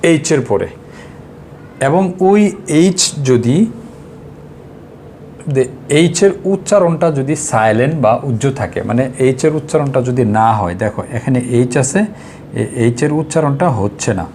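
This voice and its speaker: A man's voice: medium pitch, lively intonation, normal speed, long pauses, mellow, slight background noise. A young Bangladeshi man with a Bengali accent teaches an English grammar lesson. He asks his students a question and then answers it himself.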